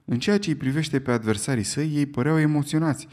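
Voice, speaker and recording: A man narrating a classic novel as an audiobook in a measured, steady reading. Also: a little high. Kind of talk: scripted narration.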